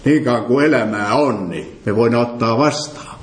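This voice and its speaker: A man preaches to a gathering in a roomy, echoing hall, pressing his points with emphasis. He keeps turning questions back to the listeners as he teaches. His voice sits at an ordinary middle pitch. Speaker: preacher leading a Bible study. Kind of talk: interactive sermon. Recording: roomy echo.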